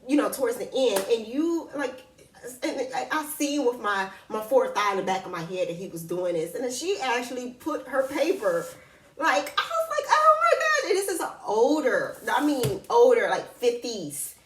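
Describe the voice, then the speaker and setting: A woman vlogger telling a story in casual chat, blunt and slangy, often animated. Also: fairly high pitch, moderate pace, far from the mic, slight background noise. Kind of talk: casual storytelling about dating and zodiac signs. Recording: echoey room, voice a bit off-mic.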